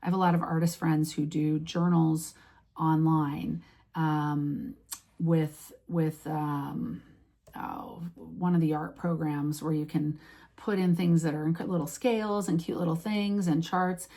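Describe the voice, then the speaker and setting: A woman in her late fifties talks casually to the camera, wandering through her thoughts with frequent fillers and self-corrections. Her voice sits low and sounds mellow and relaxed. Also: unhurried, creaky. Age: 50s. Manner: rambling, many restarts and fillers. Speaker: vlogger.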